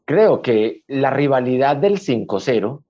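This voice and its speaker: Man, Colombian accent, mellow voice, blunt and emphatic, interview guest, slightly muffled lo-fi audio. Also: medium pitch, sing-song, unhurried. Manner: blunt, emphatic, with many restarts. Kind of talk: casual interview chat.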